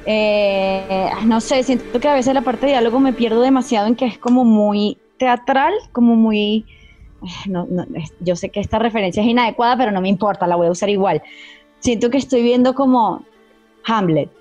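A woman's voice: on the high side, moderate pace, a little mellow, dull audio, faint music behind. A woman giving frank opinions in a casual video game review chat, often hesitating and trailing off. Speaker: guest gamer and psychologist on a game panel.

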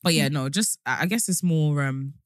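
A woman's voice: sits low, normal speed, no echo, clean studio sound. A young British woman co-hosting a podcast, talking frankly and laughing often. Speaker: podcast co-host. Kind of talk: casual chat.

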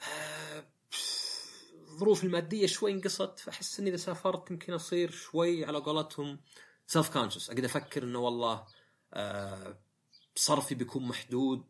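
A man's voice: fairly high pitch, a bit bright. A man hosting a casual monologue podcast, reflective and rambling, with frequent fillers and self-corrections. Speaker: podcast host.

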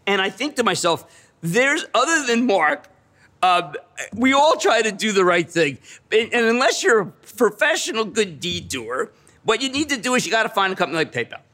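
A middle-aged man telling stories as an interview guest, excitable and emphatic, repeating phrases for effect. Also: sits high, moderate pace. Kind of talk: animated storytelling in conversation.

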